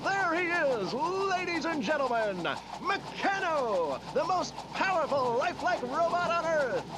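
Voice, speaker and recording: A man playing an excitable, bragging circus ringmaster in an animated comic, barking like a showman amid noisy ambience. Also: very high voice, measured pace, full character voice. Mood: boastful. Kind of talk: animated superhero comic voice acting. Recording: noisy busy outdoor ambience.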